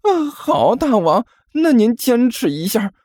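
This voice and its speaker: A man's voice: extremely high pitch, big pitch swings, a little slow, a little mellow, no room sound, clean studio sound, pitched above the performer's own voice, exaggerated voice. A man voicing a nervous, deferential male underling who stammers. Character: timid fawning male underling, stammering servant.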